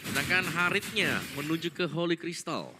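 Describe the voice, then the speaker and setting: A man's voice: on the high side, moderate pace, over music. A man with an Indonesian accent giving analytical commentary on an esports match as a caster.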